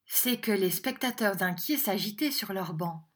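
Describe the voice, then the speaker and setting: Slow-reading woman narrating a novel. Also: medium pitch. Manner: measured, expressive reading. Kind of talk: audiobook narration.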